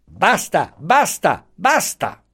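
A man's voice: on the high side, wildly swooping pitch, measured pace, voice pushed up, exaggerated voice. A man reading aloud and voicing an insolent male police commissioner who barks brusque, threatening orders. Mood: bullying contempt.

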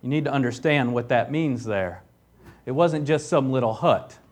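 At a moderate pace and medium pitch, a man preaches a sermon as a pastor. He reads scripture aloud, builds emphasis that rises loudly on key phrases to drive his points home, and mixes in casual asides.

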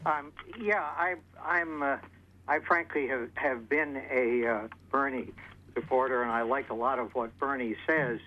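A man's voice: medium pitch, steady tone, a little slow. Hesitant man calling in by phone. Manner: hesitant, many fillers. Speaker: caller. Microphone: telephone. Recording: muffled phone line with faint noise.

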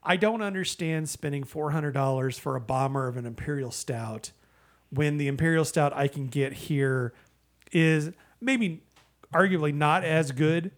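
A man who co-hosts a podcast, giving a casual, rambling and halting review in a conversational style. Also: on the high side. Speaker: podcast co-host, beer reviewer. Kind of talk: casual beer review chat.

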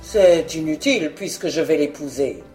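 A woman voicing a pompous, greedy male aristocrat in a storybook reading, with a deepened voice. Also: expressive, moderate pace, darkish tone, soft background music. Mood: pleased. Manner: pompous, enthusiastic.

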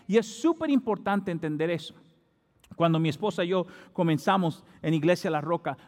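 A man's voice: sits high, a little mellow. A male pastor preaching a sermon in a church, building his delivery to emphatic peaks. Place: church hall. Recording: long hall reverb.

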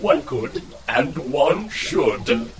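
An actor playing a melodramatic hero-rival who speaks in theatrical mock-archaic bombast. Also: male voice, on the low side, very animated, measured pace, fairly bright tone. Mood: dueling.

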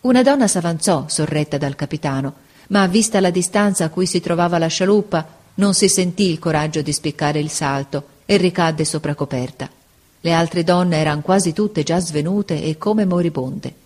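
A woman narrating a dramatic story aloud in an expressive, measured way. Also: low voice. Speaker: audiobook narrator.

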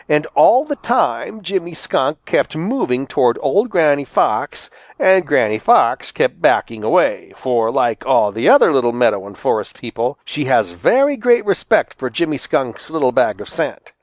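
A man reading a children's storybook aloud with a lively, expressive delivery. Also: a little high, no room sound, dull audio. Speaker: volunteer audiobook reader. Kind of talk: storybook narration.

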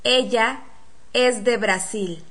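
Slow, bright-voiced woman teacher. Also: a little high. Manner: careful, deliberate, model-sentence delivery. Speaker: language teacher. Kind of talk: slow, clearly articulated pronunciation drill.

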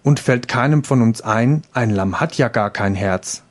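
A man's voice: medium pitch, a little slow, close to an everyday voice. A man reading a fairy tale aloud, voicing a cheeky, greedy soldier with a brash, wheedling manner. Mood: coaxing.

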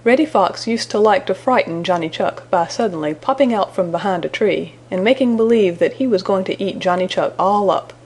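A woman narrating a children's story chapter aloud in a gentle, expressive storytelling manner. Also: medium pitch, a little fast, hardly any pauses, a little hiss or hum.

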